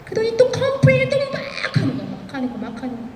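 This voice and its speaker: A woman's very high-pitched voice swoops wildly and moves at a quick pace as she tells anecdotes on stage, acting out the quoted dialogue. She is a guest speaker giving a motivational speech in a large event hall. The background is noisy, the hall echoes, and she's far from the mic.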